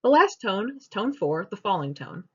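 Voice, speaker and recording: Young woman presenting, lively pitch, dull sound. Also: normal speed, husky. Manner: explanatory, steady teaching delivery. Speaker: student presenter. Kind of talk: class presentation. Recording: dull lo-fi recording.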